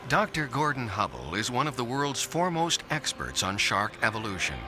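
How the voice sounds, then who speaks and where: A man's voice: medium pitch, big pitch swings, moderate pace. A man reading scripted narration for a nature documentary. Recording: narration over music bed. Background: music.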